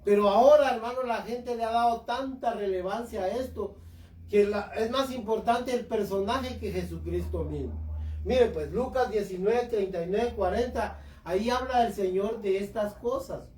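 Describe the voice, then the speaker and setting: A man's voice: sits high, moderate pace, darkish tone. A man preaching a sermon, speaking with impassioned fervor and calling his listeners brothers. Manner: impassioned, addresses congregation as brothers. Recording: echoey room, voice far from mic.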